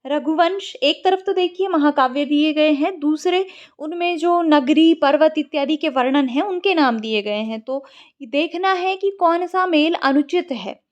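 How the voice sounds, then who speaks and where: A woman's voice: high-pitched, a little slow, lo-fi sound. A woman teaching Sanskrit exam questions in speech, patiently repeating words to model their pronunciation. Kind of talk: exam-prep lesson.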